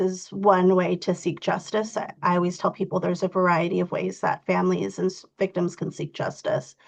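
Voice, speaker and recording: Low, gravelly woman with a stuffy nose. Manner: informal, explanatory, frequent "you know" fillers. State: stuffy, congested. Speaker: victim advocacy trainer. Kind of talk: online training lecture. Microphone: video call. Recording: dull lo-fi video call audio.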